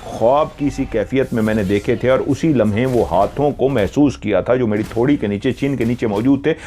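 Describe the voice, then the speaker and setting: A man narrating a spoken horror story in the first person, slowly and with suspenseful, drawn-out pauses. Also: mid-range voice, dark tone, a little hiss or hum.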